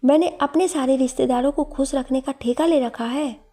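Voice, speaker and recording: A woman's voice: high voice, moderate pace, warm tone. Woman reading as a lovestruck young professor. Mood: teasing. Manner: teasing, pleading. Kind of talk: storytelling narration.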